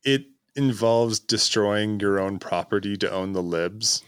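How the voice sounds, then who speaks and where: A man's voice: fairly low pitch, measured pace, clear, resonant tone, no echo. A man co-hosting a podcast, chatting casually and dropping sarcastic asides. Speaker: podcast co-host. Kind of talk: casual chat.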